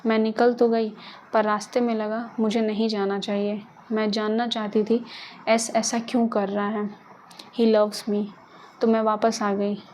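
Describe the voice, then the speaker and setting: Woman voicing a scared tearful young woman, shaky, pleading, even tone, audiobook story. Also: mid-range voice, a little slow, a little hiss or hum, natural voice. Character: frightened, tearful young woman murder suspect.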